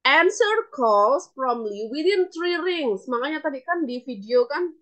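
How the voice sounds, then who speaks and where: A woman's voice: high voice, animated, unhurried, fairly bright tone. A woman lecturer teaching a class, switching between English and Indonesian and acting out phone calls. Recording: dull lo-fi classroom recording.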